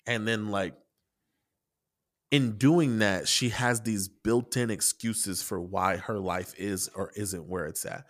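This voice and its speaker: Rambling, low-voiced man on a podcast. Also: takes it slowly. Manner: rambling, frequent restarts and "like", casual swearing. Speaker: podcast co-host and article writer. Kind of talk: casual podcast chat.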